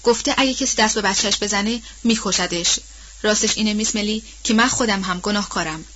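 A woman's voice: medium pitch, fairly bright tone, dull audio, natural voice. Mammy, an anxious old house servant, as a woman reader does her. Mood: troubled. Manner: plain-spoken, colloquial storytelling. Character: older female house servant, anxious and guilt-ridden.

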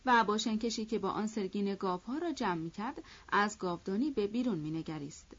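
Woman reading an audiobook, calm measured pace, muffled lo-fi audio. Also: medium pitch. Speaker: narrator. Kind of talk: audiobook narration of a classic novel.

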